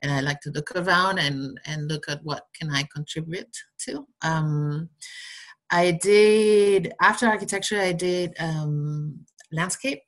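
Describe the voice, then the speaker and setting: A woman from the Basque Country with a Basque Spanish accent, talking casually and haltingly as an interview guest. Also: sits low. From Basque Country, Spain. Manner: halting, rambling, tags phrases with "no?". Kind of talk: casual conversational interview answers.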